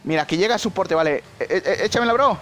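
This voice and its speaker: Young man, Mexican accent, high voice, excitable gameplay commentary, faint room noise. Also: quick pace. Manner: excitable, slangy, shouts at big plays. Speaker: gaming YouTuber.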